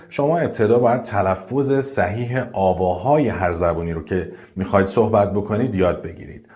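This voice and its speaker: A man hosting an English lesson, explaining pronunciation clearly and methodically. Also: low-pitched, darkish tone. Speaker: English teacher and video host.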